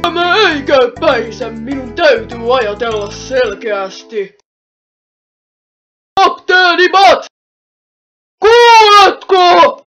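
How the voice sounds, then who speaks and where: A woman's voice: on the high side, breathy edge. A woman voicing a flustered, easily panicked male police chief in an amateur cartoon fan dub. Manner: frantic, shouting, then coaxing. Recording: muffled audio with music underneath.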